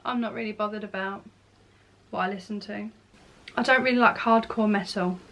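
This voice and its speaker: A woman's voice: medium pitch, steady tone, normal speed, a bit bright. A woman of thirty chatting casually to camera in a Q&A vlog, rambling and correcting herself as she goes. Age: 30s. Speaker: beauty and lifestyle vlogger.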